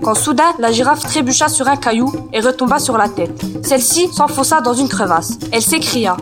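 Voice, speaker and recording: A girl narrating a school storybook tale aloud in a steady read-aloud style. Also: sits high, a little fast, music in the background.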